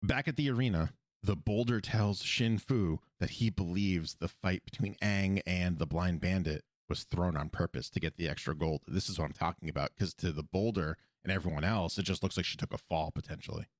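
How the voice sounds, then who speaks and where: A man co-hosting a podcast, recapping an episode in animated casual chat and laughing often. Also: low voice, moderate pace, dry recording, studio quality. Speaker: podcast co-host. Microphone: podcast microphone.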